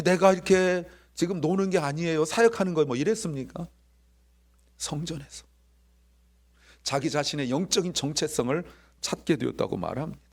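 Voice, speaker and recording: Male pastor, mid-pitched voice, animated sermon delivery, acts out dialogue himself. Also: creaky. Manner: animated, acting out quoted dialogue.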